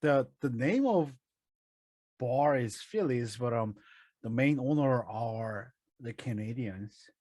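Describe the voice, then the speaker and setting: A man's voice: medium pitch, lively intonation, slow, darkish tone, dry recording. A man with a Korean accent, a native Korean speaker talking in English. He co-hosts a casual podcast and often stops to search for words. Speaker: podcast co-host.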